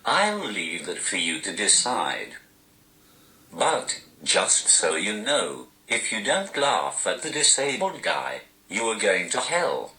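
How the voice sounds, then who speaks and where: A man speaks through a posh-sounding, robotic text-to-speech voice, set very low but swinging widely in pitch. The delivery is slow and deadpan, with dry self-mockery. The sound is bright and hard, heard in a roomy, echoing space. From Newcastle, England. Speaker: stand-up comedian. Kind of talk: interview answers typed into a speech device.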